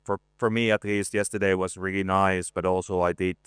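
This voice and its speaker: A man in his forties giving a conference presentation, relaxed and self-deprecating, with frequent hesitations and a voice worn from talking a lot. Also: low voice, a little fast, clean tone, no room sound, clean studio sound. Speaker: conference speaker, art director. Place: conference stage.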